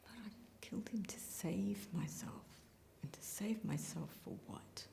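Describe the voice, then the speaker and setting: An actress playing a weary, resigned middle-aged mother in prison, speaking in a hushed, whispery voice. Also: on the low side, measured pace, gravelly. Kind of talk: drama acting. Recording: echoey room.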